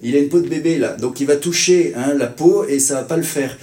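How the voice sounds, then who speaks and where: A scheming mother hurries her son along with whispered-sounding, conspiratorial orders, as a preacher briefly puts her on. The voice is mellow and a little high, heard in a roomy, echoey space. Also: brisk, lightly acted.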